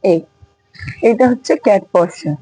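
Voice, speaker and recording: A hoarse woman teaching yoga, who counts the repetitions aloud while she demonstrates. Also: medium pitch, moderate pace, mellow, no room sound, rough recording. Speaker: yoga instructor. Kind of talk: casual yoga class instruction.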